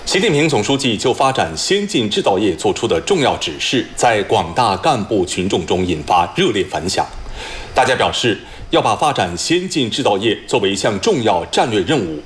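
A male news anchor with a low, widely inflected voice reads formally in standard Mainland Mandarin. His delivery is measured and solemn, over some background noise. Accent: standard Mainland Chinese Mandarin. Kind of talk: formal scripted news reading.

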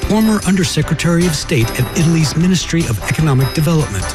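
A man with a slightly raised pitch reads the guest lineup in a crisp announcer style. Loud music plays under his voice throughout. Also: animated, fast talker. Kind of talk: scripted guest introduction read.

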